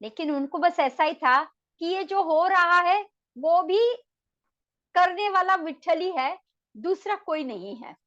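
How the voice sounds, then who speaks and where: High-voiced woman telling a devotional story. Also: takes it slowly, lo-fi sound. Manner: lively narrator, mixes English words into her Hindi. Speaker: naturopathy and yoga doctor.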